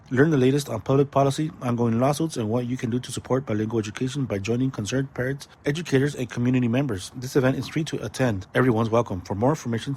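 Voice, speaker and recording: A man's voice: medium pitch, a little mellow, slightly rough. A man hosting a community events segment, reading out announcements, dates, phone numbers and web addresses. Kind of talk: read announcements.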